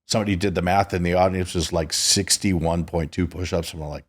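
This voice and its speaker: A man's voice: deep voice, fairly even intonation, fairly quick. A man in his sixties hosting a podcast, telling stories in a boastful, profane, casual way. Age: 60s. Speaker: podcast host.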